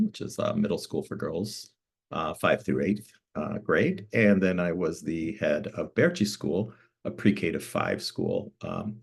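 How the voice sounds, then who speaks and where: A gravelly, low-pitched, slightly rough voice belongs to a middle-aged man from Florida who was born in Cuba. As interim museum director and a guest at a community talk, he gives long explanations peppered with fillers.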